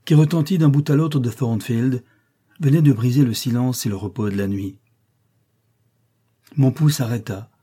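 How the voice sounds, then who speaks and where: A man reading a classic novel aloud in measured, dramatic scripted narration. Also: mid-range voice, dark tone, husky. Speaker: audiobook narrator.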